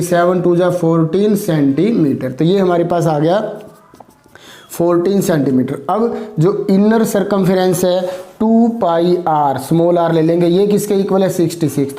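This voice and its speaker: A male maths teacher works through problems step by step, posing questions and answering them himself with repeated rhetorical questions. His voice is high and mellow, with a roomy sound.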